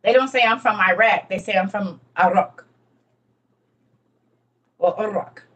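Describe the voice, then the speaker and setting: A woman's voice: medium pitch, measured pace, a bit bright, recorded from a distance, dull audio. A woman giving an emphatic, repetitive casual lecture to her viewers, teaching as she reads. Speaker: online teacher on religion and history.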